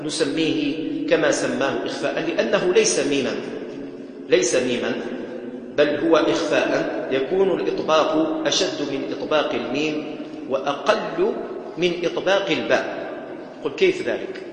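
Man, slightly high voice, patient recitation teacher, booming mosque reverb. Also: animated, normal speed, slight background noise. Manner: patient, repeats points, chants short recitation examples. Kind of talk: lecture. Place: mosque prayer hall. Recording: echoey mosque hall with long reverb.

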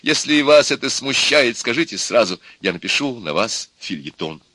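A man's voice: mid-range voice, sing-song, normal speed, sharp tone, breathy edge, no room sound, exaggerated voice. A man voicing a nervous, eager young student suitor who makes speeches. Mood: earnest.

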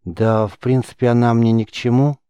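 A man's voice: medium pitch, little pitch movement, fairly quick, warm tone, clear, resonant tone, no room sound, lightly acted. Man as a hesitant young mage. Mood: guarded. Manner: hesitant, mumbling.

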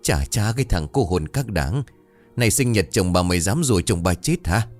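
A man voicing a village wife with a shrill, scolding manner, in a storybook tale. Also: lively intonation, normal speed, a little mellow, faint music behind. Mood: furious. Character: frightened then furious village wife.

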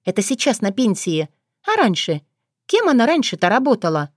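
A woman's voice: on the high side, huge pitch swings, normal speed, no room sound, clean studio sound. A woman voicing a grown-up older sister in an audiobook, speaking in a teasing, blunt, lecturing way. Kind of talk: audiobook character voice.

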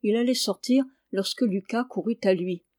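Woman audiobook reader, calm, dry close sound. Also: medium pitch, normal speed, dry recording. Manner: calm, names each speaker before lines. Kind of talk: audiobook reading of a classic novel.

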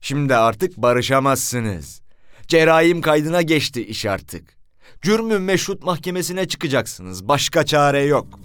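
A curt, stubborn police commissioner, as an audiobook reader acts him out barks orders in a raised, lively voice. He sounds unbending and official in this storybook scene. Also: fairly high pitch, normal speed, clear, resonant tone, no echo, clean studio sound, voice pushed up. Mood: stern. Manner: curt, authoritative, loud. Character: weary night-shift police commissioner, stubborn.

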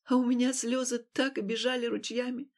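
Brief: female narrator, slightly high voice, steady first-person fiction reading. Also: fairly quick. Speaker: audiobook narrator.

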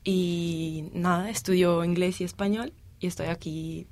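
A young woman in her twenties from Italy, speaking Spanish as a second language with an Italian accent, answering interview questions with pauses while she searches for words. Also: fairly low pitch, steady tone, darkish tone, no echo. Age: 20s. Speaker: guest, exchange student.

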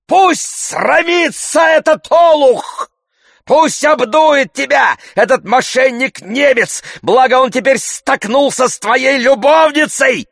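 A brawling middle-aged bully who bellows insults at the top of a shrill, strained voice. He drags out each furious word slowly, with a gravelly edge on the low notes. The sound is close and dry. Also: dry recording, heavily acted. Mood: raging shouting. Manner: shouting, abusive, blustering.

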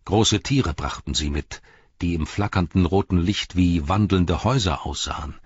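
A man reading a story aloud in a measured, grave way. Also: sits low, husky, no room sound. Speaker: audiobook narrator. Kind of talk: scripted narration. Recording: dull, dry recording.

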